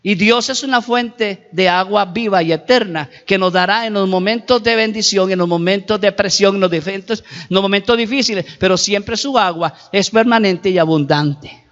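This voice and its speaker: A man's voice: sits high, moderate pace, fairly bright tone. A man preaching a sermon as pastor, emphatic, repeating and stretching key words. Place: church hall. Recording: reverberant hall, dull lo-fi recording.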